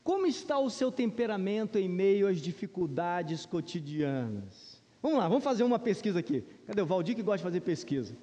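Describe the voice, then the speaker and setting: A Brazilian-accented man teaches Sunday school in a large church room, his high, sing-song, warm voice moving along fairly quickly. He keeps the Bible lesson informal and conversational, often asking the congregation questions and tossing in rhetorical tags. The hall is reverberant, with a long echo trailing his words.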